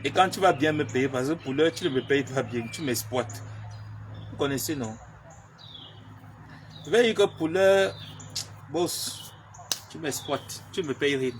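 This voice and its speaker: Male streamer, talkative and playful, higher-pitched, slight background hiss. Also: unhurried, pauses often. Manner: chatty, joking, repeats himself. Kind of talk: casual chat reacting to viewers.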